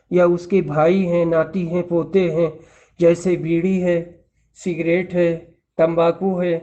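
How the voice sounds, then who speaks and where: High-pitched male preacher with an earnest, admonishing delivery, captured on a dull lo-fi recording. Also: darkish tone. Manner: earnest, admonishing, repeats lists. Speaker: Islamic preacher. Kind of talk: religious lecture in numbered points.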